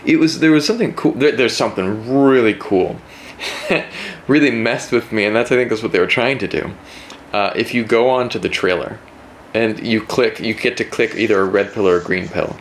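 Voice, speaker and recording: Speaking at a moderate pace in a fairly low voice, a podcast host runs a casual interview from his home at night. He's playful and jokey, tossing out rambling questions, and there's a slight hiss or hum on the recording.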